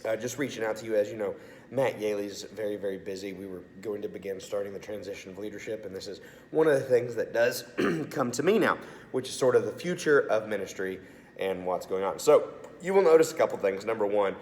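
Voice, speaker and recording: An assistant pastor of student ministry records an upbeat, informal video message, his voice congested and sore-throated. He speaks on the low side and fairly quickly, with slight background noise in an echoey, reverberant room.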